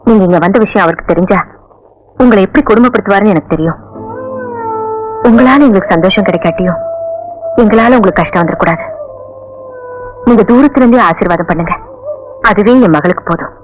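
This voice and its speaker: A woman's voice: mid-range voice, brisk, pauses often, lo-fi sound, soft background music, natural voice. An actress playing a humble middle-aged village mother who speaks earnestly and pleads. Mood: pleading. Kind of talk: film dialogue.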